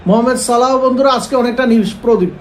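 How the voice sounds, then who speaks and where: Male football gameplay commentator, very high-pitched, friendly address to viewers, reverberant room with faint noise. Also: rapid-fire. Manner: addresses viewers as friends, mixes in English words.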